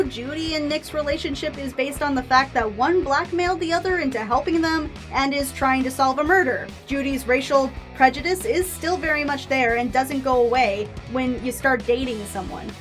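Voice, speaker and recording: Hosting a video essay, a woman with a high, fairly bright voice offers opinionated fan commentary, talking conversationally and questioning herself as she goes. Music plays in the background.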